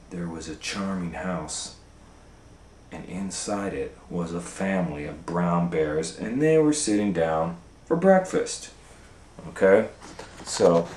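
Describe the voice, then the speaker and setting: A storytime reader and educator reads a picture book aloud to children, adding folksy, chatty asides and asking the listeners questions. His voice sits low with a darkish tone. The room sounds roomy and echoing, with slight background noise.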